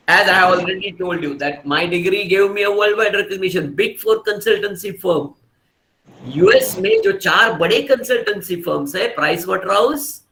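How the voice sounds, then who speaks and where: Indian male career lecturer, high bright voice, emphatic and repetitive, mixes in Hindi. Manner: emphatic, repeats key words, switches between English and Hindi. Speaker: guest lecturer. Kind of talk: motivational career lecture to students. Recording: echoey room, faint background noise.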